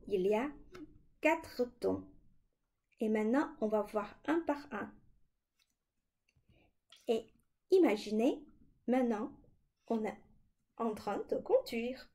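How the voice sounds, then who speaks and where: A woman teaching children a language lesson, slowly and clearly demonstrating sounds. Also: fairly high pitch, warm tone.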